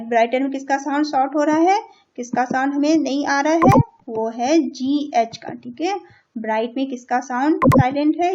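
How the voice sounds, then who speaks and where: A high-voiced Indian woman explains an English lesson for young children in Hindi, patiently and steadily repeating and translating each line slowly. She checks in with the class by saying "theek hai." The audio sounds dull and lo-fi.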